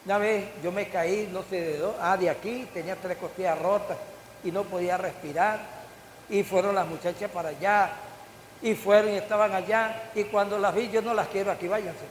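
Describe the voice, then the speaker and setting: In a church hall that echoes, with a faint hiss on the recording, an older pastor preaches at normal speed. His voice is high-pitched and steady in tone, though it climbs in rising bursts when he asks the congregation questions.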